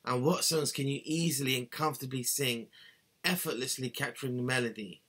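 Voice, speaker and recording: Talking to a webcam from a small, cluttered bedroom, a man in his thirties teaches singing in a scripted how-to, earnest and instructive, both hands gesturing. He speaks fairly quickly in a medium, slightly bright voice.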